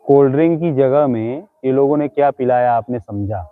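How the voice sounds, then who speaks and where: A man with a medium-pitched voice and moderate pace hosts a comic live stream, mockingly scolding imaginary ghosts and hurling teasing insults at them. The audio sounds tinny, like a phone.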